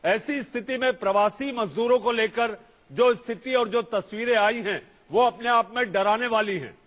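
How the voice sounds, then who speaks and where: A man's voice: very high-pitched, moderate pace, fairly bright tone. A middle-aged man interviewing a guest on a news broadcast, asking pointed, probing questions in a formal, respectful way, his voice carrying a heavy echo.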